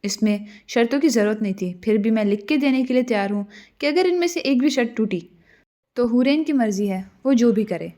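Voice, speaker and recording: A woman's voice: fairly high pitch, animated, mellow, natural voice. A woman voicing a lovesick young male king, earnest and pleading, in a storybook tale. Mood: eager.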